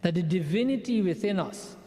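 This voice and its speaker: A man's voice: sits high, expressive, warm tone. A man leading a prayer session, giving an earnest spiritual sermon and repeating phrases for emphasis. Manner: measured delivery, building lists of phrases. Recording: long hall reverb.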